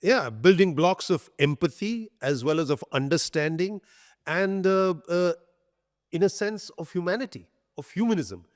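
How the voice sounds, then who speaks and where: An older man hosting a conversational interview in a halting, deliberate way. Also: sits high. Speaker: podcast host, interviewer.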